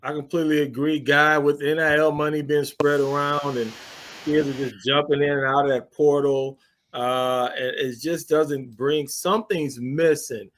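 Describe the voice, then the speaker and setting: A man's voice: a little high, fairly even intonation, normal speed, fairly bright tone. A man hosting a casual sports talk show from a cafe studio, loose and joking as he steers the chat. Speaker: podcast host.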